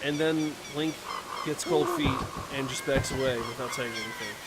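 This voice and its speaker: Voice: mid-range voice, wildly swooping pitch, moderate pace, heavy background noise. A let's play host giving casual video game commentary with joking asides. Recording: loud game music behind voice.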